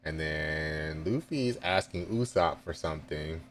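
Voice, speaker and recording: A man's voice: rumbling low, measured pace, a bit bright, a little hiss or hum. A man reading a manga chapter aloud live and reacting with casual asides and chuckles.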